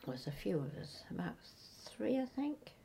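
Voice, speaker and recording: A woman's voice: mid-range voice, very animated, moderate pace, gravelly, mellow, a little hiss or hum. An older woman from England reminiscing in casual conversation, hesitant and rambling as she circles back to rephrase. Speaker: interviewee recalling local history.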